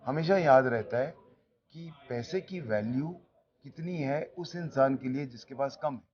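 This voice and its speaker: A man's voice: mid-range voice, muffled recording. Reflective older man in his sixties. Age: 60s. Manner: measured, reflective, encouraging. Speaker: interviewer, police officer. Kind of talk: casual conversation.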